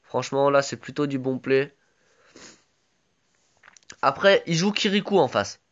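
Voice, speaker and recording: A man's voice: medium pitch, lively intonation, unhurried, highs cut off. A man with a sore throat giving casual live commentary on his own game, chatty and full of gamer slang.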